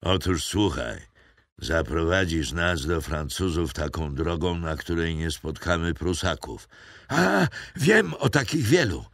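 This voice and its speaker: A man's voice: sits low, animated, slow pace, a bit bright, no echo, heavily acted. A man reading an audiobook, voicing a young male officer who gives curt, commanding orders. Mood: stern. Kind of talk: audiobook character voice.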